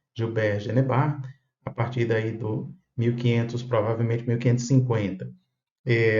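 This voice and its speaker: A man's voice: mid-range voice, dark tone. A man explaining a lesson, patient and methodical, checking in with listeners as he goes. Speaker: Bible teacher. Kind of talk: explanatory lesson on Hebrew phonetics. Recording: roomy, dull sound with faint guitar music.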